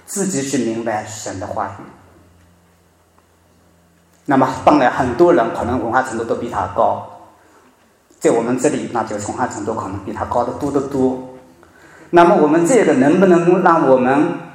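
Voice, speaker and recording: Man preaching, middle pitch, heavy room echo, storytelling sermon. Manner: storytelling, emphatic rises then soft drops. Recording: very echoey room.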